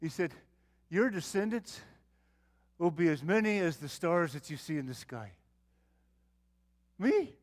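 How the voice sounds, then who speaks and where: A man acting out Abraham, the aging patriarch, talks to his boy in an earnest, fatherly way. The voice sits high for a man, and the monologue swings from loud calls to soft confiding. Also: very animated, measured pace, pauses often. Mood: earnest storytelling. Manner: theatrical monologue, calling out, then tender and confiding. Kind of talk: dramatic Bible-character monologue.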